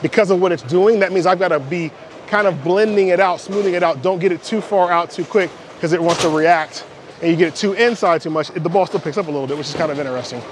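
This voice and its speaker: Speaking fast in a high-pitched voice, this middle-aged American man shows off and reviews a product in a big indoor bowling alley. He talks casually in brief bursts while the clatter and ambience of the lanes run through the recording.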